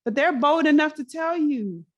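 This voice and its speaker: A woman's voice: sits high, moderate pace, dull audio. A woman co-hosting a casual podcast, telling stories and acting out what people said. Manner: animated storyteller acting out quotes. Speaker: podcast co-host.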